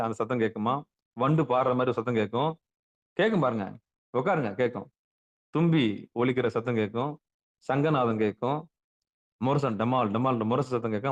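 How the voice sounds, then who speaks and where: A man giving a colloquial spiritual talk, asking rhetorical questions, answering them himself and repeating words for stress. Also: mid-range voice. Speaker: spiritual teacher. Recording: dull lo-fi recording.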